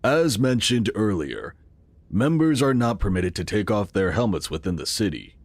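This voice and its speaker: The speaker is a male actor in a sci-fi audio drama, portraying the calm and earnest founder of a city of the future who explains things in a measured, formal way. His voice runs on the low side in a dry recording, with an instructive mood.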